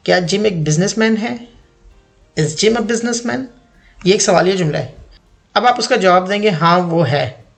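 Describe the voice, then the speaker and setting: A man in his thirties, an English teacher, giving a slide-based lesson voice-over and saying each example sentence twice in a deliberate way. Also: sits high, vocal fry. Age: 30s.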